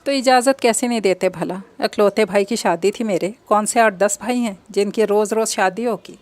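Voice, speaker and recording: A woman reading an audiobook, voicing a lonely young wife who pleads softly. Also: mid-range voice, normal speed, no room sound, close to an everyday voice. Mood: defensive.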